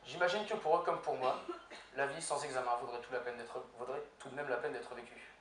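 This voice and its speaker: A young man, a law student, giving a prepared humorous speech in an eloquence contest, with deadpan, ironic punchlines. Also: medium pitch, brisk. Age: young adult. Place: university lecture hall with audience. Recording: echoey hall, far from mic, faint noise.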